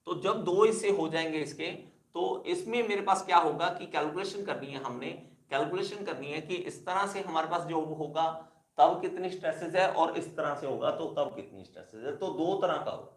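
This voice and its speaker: Lecturing his engineering class, a man with a fairly high voice speaks at a moderate pace, repeats key terms, and refers to his students as kids. The recording sounds roomy.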